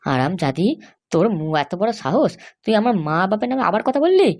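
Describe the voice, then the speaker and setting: A woman voicing a hot-tempered young husband in a cartoon, threatening and shouting insults. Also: mid-range voice, very animated, fairly quick. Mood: angry. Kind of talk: cartoon voice acting.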